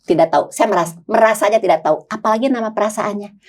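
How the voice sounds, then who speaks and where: A woman's voice: mid-range voice, very fast, a little mellow. An older woman who works as a psychologist, talking in a podcast conversation and telling stories animatedly, acting out her clients' voices.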